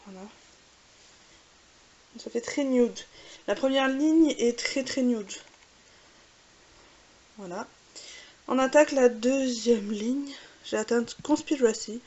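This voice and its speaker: A woman's voice: a little high, slow pace, long pauses, dark tone, highs cut off. A woman with a French accent, chatting casually with many fillers while showing makeup swatches. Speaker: beauty vlogger. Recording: faint hiss.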